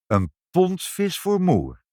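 A brisk, knowing mother from a children's storybook, her voice raised higher and swinging widely as she talks matter-of-factly, as a man puts her on. The recording is dry and close. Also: huge pitch swings, dark tone, dry recording, exaggerated voice. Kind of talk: children's audiobook reading.

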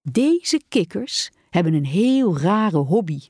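A woman's voice: sits high, big pitch swings, slow, darkish tone, no echo, clean studio sound, pitched above the performer's own voice, full character voice. A woman voicing an exuberant man who presents animals like a showman, with theatrical announcing. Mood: mock serious. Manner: theatrical announcer, sweeping and exaggerated. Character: cheerful showman man, zookeeper-teacher.

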